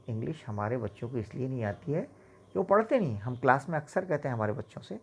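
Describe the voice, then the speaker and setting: A man teaching a school English lesson, explaining slowly and with emphasis, switching between English and Hindi-Urdu. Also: mid-range voice, vocal fry. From India. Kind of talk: classroom lesson explaining a poem.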